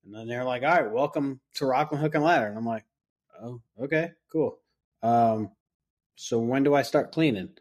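A firefighter on a podcast, casually telling a story and acting out the lines of the people in it. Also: male voice, medium pitch, normal speed. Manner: animated retelling, acting out others' lines.

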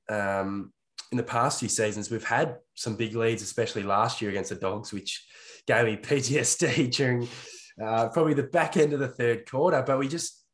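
Australian man in casual sports chat, medium pitch. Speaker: podcast panellist.

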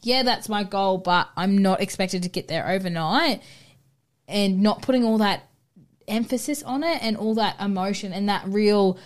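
A woman's voice: medium pitch, normal speed. A middle-aged woman in a casual chat, thinking aloud and acting out what she tells herself. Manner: reflective, thinks aloud, acts out inner voices.

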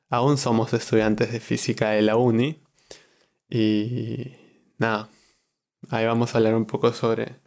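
A man's voice: medium pitch, creaky, a little mellow, clean tone. A man in his twenties with a Peruvian Spanish accent, hosting a podcast in casual, chatty talk and laughing easily. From Peru. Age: 20s. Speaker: podcast host.

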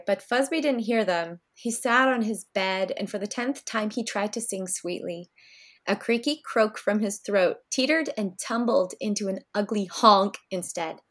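Woman reading a storybook aloud. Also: medium pitch. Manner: expressive storytelling. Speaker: children's book author and illustrator, guest.

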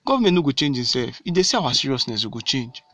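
A man's voice: mid-range voice, very animated, fast talker, a bit bright, no echo. A man with a Nigerian accent speaking directly to fellow citizens in a civic talk, repeating key phrases and answering his own questions.

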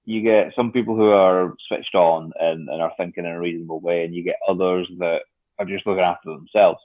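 A young man in his twenties with a very deep voice. He talks casually and hesitantly, full of fillers and restarts. The sound is thin and phone-like, dry, with no room echo. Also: steady tone, brisk. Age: 20s. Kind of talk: casual conversation. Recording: tinny phone-like line.

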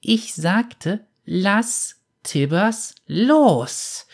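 A high, bright little girl's voice, innocent on the surface with menace underneath, as a man puts her on. It sits far above a grown man's speaking pitch and has a thin, childish timbre, turning shrill at times. It comes from a storybook read aloud. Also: animated, normal speed, exaggerated voice. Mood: angry. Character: little girl, sweet but menacing.

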